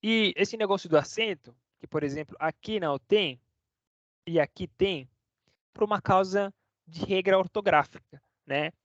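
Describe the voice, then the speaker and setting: A man's voice: high-pitched, normal speed, no echo. A man teaching a casual online lesson, chatty, checking in with the class every few words. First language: Portuguese. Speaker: Spanish teacher. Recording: dry, dull lo-fi sound.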